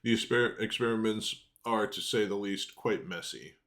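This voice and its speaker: A man's voice: lowish voice, normal speed, fairly bright tone, pitched above the performer's own voice. A man voicing a morose, long-winded assistant to a mad mage in a fantasy game, speaking archaic English. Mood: gloomy, resentful. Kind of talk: game dialogue read aloud.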